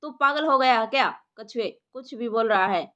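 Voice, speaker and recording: Woman voicing a timid, earnest village guy, polite under pressure; fairly high voice, lo-fi sound. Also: normal speed, bright, forceful tone. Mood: nervous. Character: nervous timid young village man. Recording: lo-fi muffled recording.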